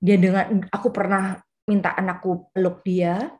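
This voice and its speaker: A woman's voice: mid-range voice, level tone, moderate pace, darkish tone. A woman in her late forties, a pastor giving a chatty, personal youth fellowship sermon with frequent fillers. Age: 40s.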